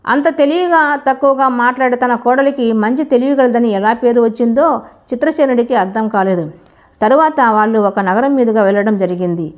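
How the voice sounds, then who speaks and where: A woman narrating a scripted folk tale in a steady, measured storybook reading. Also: on the high side.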